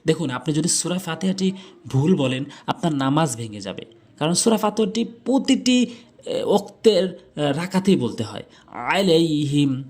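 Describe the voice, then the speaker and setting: A man teaching Quran recitation, spelling out Arabic letters syllable by syllable and reciting verses in a drawn-out chant. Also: fairly high pitch, very animated, a little mellow. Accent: Bangladeshi Bengali. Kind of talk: tajweed lesson with chanted recitation.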